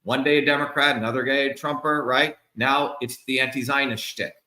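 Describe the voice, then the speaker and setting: A man's voice: mid-range voice, steady tone, fairly quick, bright, forceful tone, echoey room. A middle-aged man giving an angry, profane livestream rant as a political candidate. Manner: profane, heated, emphatic. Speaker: political candidate speaking to supporters.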